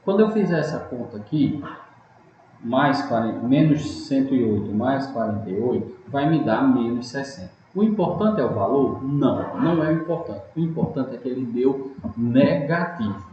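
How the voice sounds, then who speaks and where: A man's voice: medium pitch, lively intonation, normal speed. A man teaching a math lesson step by step, patient and often checking in with his students. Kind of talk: recorded online math lesson. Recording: echoey, dull, lightly noisy room audio.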